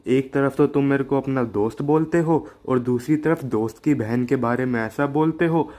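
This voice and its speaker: A man's voice: medium pitch, normal speed, dark tone, close to an everyday voice. A man voicing a protective young brother in a cartoon, indignant and threatening. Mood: angry.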